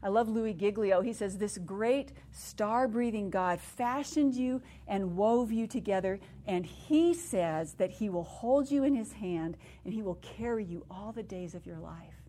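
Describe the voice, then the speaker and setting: A middle-aged woman preaching a sermon at a women's gathering, earnest and emotional, dropping to hushed tones and rising when excited. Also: mid-range voice, a little slow, hardly any pauses. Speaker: women's conference speaker. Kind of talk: sermon with personal story.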